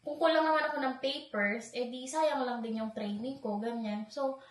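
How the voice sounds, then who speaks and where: A woman's voice: fairly high pitch, normal speed. A woman from the Philippines, a vlogger, chatting confidingly as she tells her viewers a story. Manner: chatty, confiding, keeps addressing viewers directly. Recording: echoey room, voice distant from mic.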